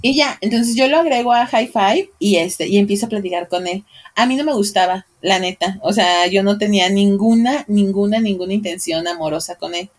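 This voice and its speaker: A Mexican woman tells a story on a podcast in a relaxed, chatty tone. Her voice sits at a medium pitch, and she stays lively, laughing and imitating the people she talks about. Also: a little fast, hardly any pauses. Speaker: podcast co-host. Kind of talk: casual chat, storytelling.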